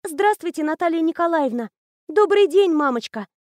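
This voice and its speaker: A woman voicing a sly teenage girl who feigns sweet innocence, speaking in a high, wheedling, falsely timid way. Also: animated, moderate pace, a little mellow, dry recording, clean studio sound.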